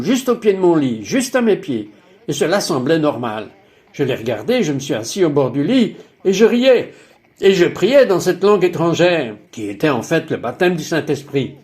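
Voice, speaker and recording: A man's voice: a little high, darkish tone. A man narrating a dubbed personal testimony in an emphatic, exclaiming way, full of wonder.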